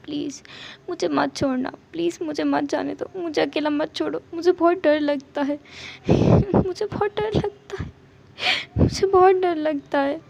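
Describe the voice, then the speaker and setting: A woman's voice: sits high, fairly even intonation, unhurried, vocal fry, a little mellow, heavily acted. A woman voicing a frightened young man who stammers and pleads through tears in broken, half-whispered words. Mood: tearful pleading.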